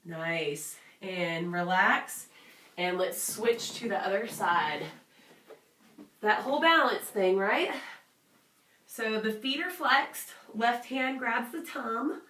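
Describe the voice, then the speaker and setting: Casting: female fitness instructor, unhurried and encouraging, cueing exercises informally in a roomy space, miked from a distance. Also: medium pitch, expressive, pushed and bright. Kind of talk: guided workout instruction.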